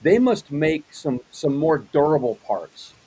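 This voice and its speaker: A man's voice: a little high, very animated, measured pace, dark tone, husky, low-quality recording. A man hosting a casual interview, rambling a little, often repeating words and restarting his questions. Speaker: host.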